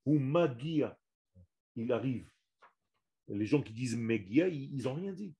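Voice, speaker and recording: A man's voice: medium pitch, lively intonation, normal speed, creaky, mellow. A man teaching a religious lesson on the Hebrew language to a small group, speaking in an emphatic way, repeating and restarting his words and stressing each Hebrew term.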